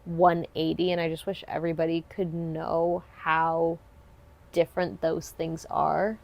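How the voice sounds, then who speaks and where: Low, gravelly-voiced woman podcast host. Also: level tone, unhurried, darkish tone. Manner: earnest, supportive, talks in long winding sentences. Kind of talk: casual interview chat.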